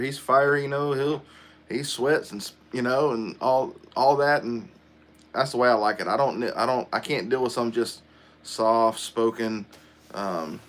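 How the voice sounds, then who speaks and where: A middle-aged man hosts a relaxed livestream chat. He talks in a casual, rambling way and answers viewer comments aloud as they come in. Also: medium pitch. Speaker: livestream host.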